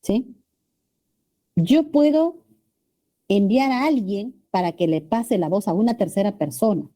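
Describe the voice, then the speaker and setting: A woman's voice: mid-range voice, lively intonation, unhurried, warm tone. A woman teacher with a Peruvian Spanish accent, giving a classroom lecture and checking in with her students often. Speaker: language teacher.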